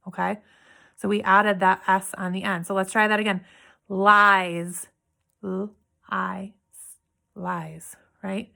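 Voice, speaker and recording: A woman teaching a phonics lesson to young children, sounding out words slowly and checking in with "okay?". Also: mid-range voice, sharp tone. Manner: slow, clearly sounding out words and letters; asks frequent "okay?" check-ins.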